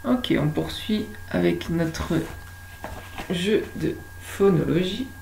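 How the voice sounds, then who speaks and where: Slow, gravelly French teacher. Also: female voice, on the low side, lively intonation, a little mellow, a little hiss or hum, rough recording. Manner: slow, deliberate, stretches out words for children. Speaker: kindergarten teacher. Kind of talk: lesson for young children.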